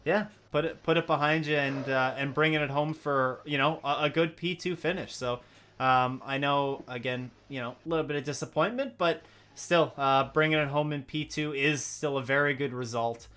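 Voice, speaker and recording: A man's voice: on the high side, steady tone, moderate pace, sharp tone, clean tone. A man hosting a racing league broadcast, interviewing drivers in an upbeat, rambling way. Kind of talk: post-race interview.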